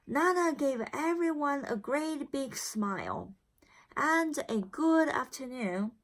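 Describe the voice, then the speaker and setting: High, expressive, slow woman storyteller. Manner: expressive, deliberate phrasing. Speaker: storybook reader. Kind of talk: children's read-aloud narration.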